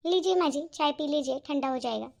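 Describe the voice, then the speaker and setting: A woman's voice: high voice, a little fast, vocal fry. A woman voicing a cheeky young daughter-in-law. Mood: pleading. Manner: polite, teasing replies. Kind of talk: cartoon voice acting.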